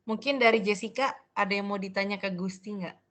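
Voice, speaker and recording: A woman's voice: mid-range voice, fairly quick, a bit bright. A young woman in a casual group chat with classmates, friendly and a little hesitant. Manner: friendly, hesitant, laughs often. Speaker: student in group discussion.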